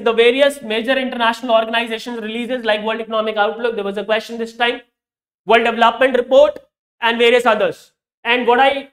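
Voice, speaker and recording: North indian accent guy teaching exam prep, talks fast, flips between hindi and english, repeats stuff to stress it. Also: extremely high pitch, a bit bright. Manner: explanatory, repeats points for emphasis. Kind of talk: video lecture mixing English and Hindi. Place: indoor teaching studio with a presentation screen.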